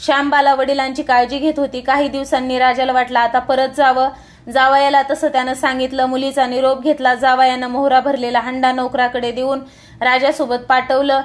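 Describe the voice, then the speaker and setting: A woman reads a devotional tale aloud in a high voice. Her phrasing is rhythmic and measured, line by line. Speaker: storyteller. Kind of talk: devotional story reading.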